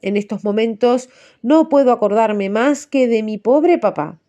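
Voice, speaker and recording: A woman's voice: fairly high pitch, unhurried, mellow, lo-fi sound, close to an everyday voice. A woman reading as a tearful young woman. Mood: tearful pleading. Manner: sobbing, pleading.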